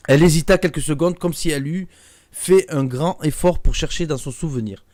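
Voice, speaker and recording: Young man, evening story reading, slightly high voice, dry close sound, halting casual asides. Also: a little mellow, no echo. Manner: hesitant asides with many fillers between read passages. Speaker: streamer reading a story aloud.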